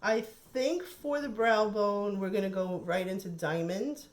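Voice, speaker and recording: A beauty vlogger chats casually through a makeup tutorial at a medium pitch and an unhurried pace. She thinks aloud and admires the colors, her voice a little nasal from a cold.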